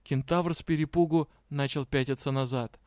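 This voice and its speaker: A male narrator reading a comic fantasy tale. His voice sits a bit high and sounds smooth and clear, recorded close with a dry sound and no room echo. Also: steady tone, normal speed, darkish tone. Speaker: audiobook reader.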